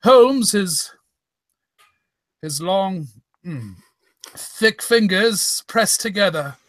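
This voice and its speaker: A man's voice: high-pitched, expressive, extremely slow, a bit bright, dry recording, full character voice. A man playing a fussy old doctor in a hammed-up radio play, stammering and rambling as he goes. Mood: befuddled, reminiscing. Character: doddering, fussy old English doctor Watson reminiscing. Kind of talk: hammed-up old-time radio acting with comic ad-libs.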